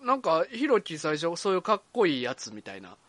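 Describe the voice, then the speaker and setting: Laid-back Kansai man, lively pitch. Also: brisk, no echo. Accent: Kansai Japanese. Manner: laid-back, teasing, gives lots of short agreeing responses. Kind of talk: casual chat.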